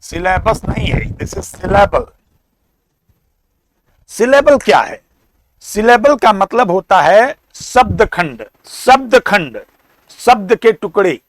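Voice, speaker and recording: A man with an Indian accent giving a classroom lecture, explaining slowly, repeating and sounding out words. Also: high voice, lively intonation. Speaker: teacher.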